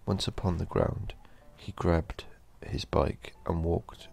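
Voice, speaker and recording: A man narrating a horror story in a slow, measured storytelling delivery. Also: deep voice, steady tone, vocal fry, a little mellow, husky.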